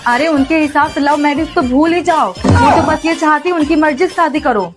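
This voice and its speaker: A young woman with a high voice chatters in a rapid, gossipy stream of complaints. Clear background music plays under her comedy sketch. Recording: music playing behind.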